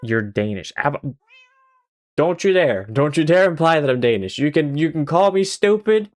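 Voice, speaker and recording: A man's voice: on the high side, lively intonation, normal speed, dry recording, studio quality. A young man from Sweden, chatting casually and swearing often while streaming a game. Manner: swears a lot and laughs at his own jokes. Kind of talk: casual gaming stream chat.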